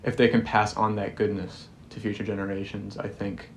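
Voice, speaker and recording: A man's voice: fairly low pitch, flat delivery, moderate pace, a little hiss or hum. An eighteen-year-old man speaking earnestly and with feeling in a documentary interview. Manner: earnest, emotional, laughs while talking. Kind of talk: reflective interview.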